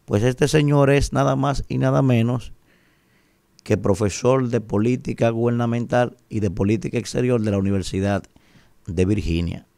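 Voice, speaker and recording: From an indoor radio studio, using a boom-arm studio mic, a man in his forties with a Dominican Spanish accent airs emphatic, rhetorical opinions and keeps asking "¿verdad?" He has a medium-pitched, mellow voice with vocal fry, fairly even intonation, and a moderate pace. There's no room sound.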